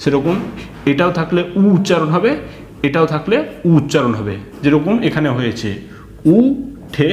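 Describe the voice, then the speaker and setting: A man's voice: fairly high pitch, roomy sound, slight background noise. A man teaching a reading lesson to children, spelling out words syllable by syllable and asking his pupils questions.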